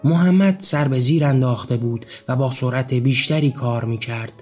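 Guy reading a dark story slow and serious, soft music behind. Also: medium pitch, slightly rough. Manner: measured, grave storytelling. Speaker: narrator. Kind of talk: scripted story narration. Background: faint background music.

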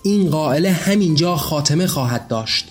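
A man's voice: a little high, animated, faint music behind, lightly acted. A man voicing a pompous, commanding self-styled male leader of a madhouse in a read-aloud story. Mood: angry. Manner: commanding, stately.

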